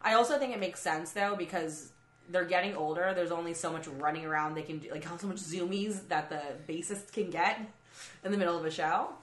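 A woman's voice: fairly low pitch, fairly quick, a bit bright. A young woman co-hosting a casual music podcast, chatty with frequent ums and likes. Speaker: podcast co-host. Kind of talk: casual chat about music. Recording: echoey room.

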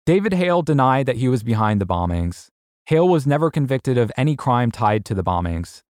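A man narrating an investigative story in a measured, scripted way, posing rhetorical questions. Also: medium pitch, very animated, a little mellow, no room sound, clean studio sound. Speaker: podcast host and narrator.

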